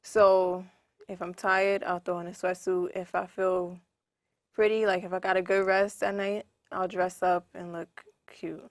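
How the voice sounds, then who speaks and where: A young woman from New York answering interview questions, soft-spoken and hesitant with many pauses. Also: lowish voice, level tone, no echo. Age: young adult. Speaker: guest.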